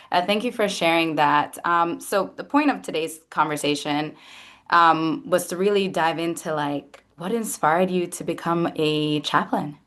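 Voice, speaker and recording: Curious low-voiced woman host. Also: fairly bright tone. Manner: curious and friendly questioning. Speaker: podcast host. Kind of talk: casual interview talk.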